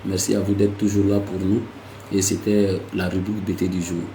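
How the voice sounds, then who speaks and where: A man hosting a casual language lesson, lively and repetitive, with playful asides. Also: deep voice, normal speed, reverberant, a little hiss or hum, poor audio. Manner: lively, repeats words, slips into playful asides. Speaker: language teacher hosting a segment.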